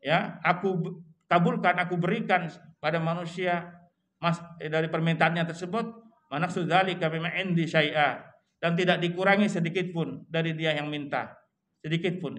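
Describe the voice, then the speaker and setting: A man's voice: fairly high pitch, fairly bright tone. Man giving a repetitive, tag-heavy religious lesson. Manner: repetitive, mixes Arabic and Indonesian, frequent "ya" tags. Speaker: Islamic teacher. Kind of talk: religious lecture.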